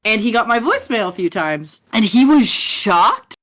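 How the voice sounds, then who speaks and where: A woman's voice: fairly high pitch, big pitch swings, normal speed, a bit bright. A woman co-hosting a podcast, rambling through stories in loose casual chat, swearing and laughing a lot. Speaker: podcast co-host.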